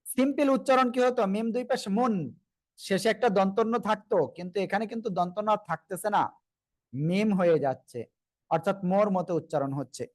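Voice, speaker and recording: A Quran teacher with a fairly high voice and a Bangladeshi Bengali accent runs a live online reading class. He patiently spells out letters slowly and has students repeat after him, in a dry recording.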